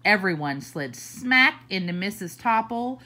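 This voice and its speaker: At story time, a woman with a mid-range voice reads a picture book for children aloud; her reading is slow, deliberate, and marked by expressive swoops.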